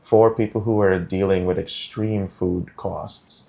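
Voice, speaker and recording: A middle-aged man from Guyana, a food policy director, appears as a guest in a studio interview. His deep, gravelly, dark-toned voice has fairly even intonation, and he explains things slowly and deliberately with many ums and uhs.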